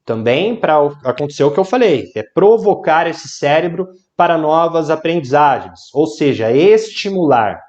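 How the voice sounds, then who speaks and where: A man's voice: on the high side, highs cut off. A man teaching an online lesson, explaining activities and chanting a rhyme while clapping along. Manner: lively and animated, chanting rhymes slowly between explanations.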